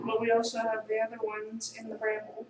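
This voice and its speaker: A woman's voice: on the high side, completely flat delivery. Woman player in a very echoey room. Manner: casual, asks quick questions. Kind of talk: casual tabletop play. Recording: very echoey room, far from the mic, clear hiss.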